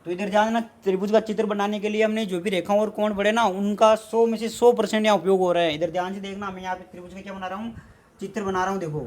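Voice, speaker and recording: Man, high pitch, math teacher, exam-prep board lesson, repetitive questioning. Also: little pitch movement, fast. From India. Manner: repetitive, asks rhetorical questions and answers them himself.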